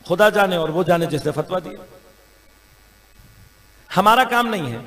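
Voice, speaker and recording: A man's voice: high-pitched, gravelly, fairly bright tone. A man with a Pakistani Urdu accent, a Shia cleric preaching a majlis sermon as a rhetorical orator whose voice swells and drops. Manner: rhetorical orator with sudden rises and falls. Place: large imambargah hall. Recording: long hall reverb.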